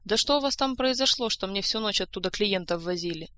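A woman's voice: mid-range voice, animated, a little fast, a bit bright, lightly acted. A woman doing a weary, grumbling court doctor. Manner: grumbling, exasperated. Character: weary, sharp-tongued female court doctor.

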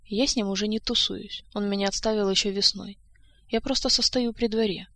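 A woman's voice: mid-range voice, steady tone, a little fast, fairly bright tone, dry recording, natural voice. A woman reading the part of a frank, wary young court lady, speaking in a confiding, cautionary way. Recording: dry close-mic studio sound.

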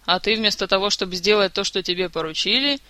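A narrator voicing an injured, foul-mouthed man who rants and swears in a slightly hoarse voice, in an audiobook. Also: high-pitched, fast talker, no room sound. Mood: grumbling. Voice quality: slightly hoarse, shouting curses. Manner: ranting, insulting, swearing. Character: furious wounded man, foul-mouthed and grumpy.

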